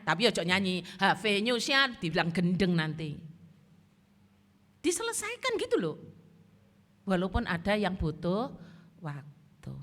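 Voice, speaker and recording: Bright-voiced woman preaching. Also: mid-range voice. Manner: lively storytelling, mixing in Javanese phrases. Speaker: pastor. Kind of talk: sermon. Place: church service. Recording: long church-hall reverb.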